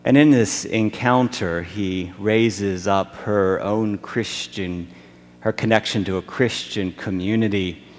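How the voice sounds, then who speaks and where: Slow-preaching male pastor in a reverberant church. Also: fairly low pitch, fairly even intonation, slight background noise. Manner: slow, measured preaching with deliberate pauses. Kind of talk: sermon. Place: church sanctuary. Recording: long reverb of a large church.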